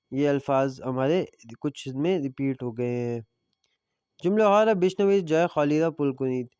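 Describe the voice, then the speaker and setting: A man teaching a language lesson, patiently reading out words and sentences and repeating them slowly so learners can follow. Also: a little high, mellow, dry recording. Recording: dry, slightly dull recording.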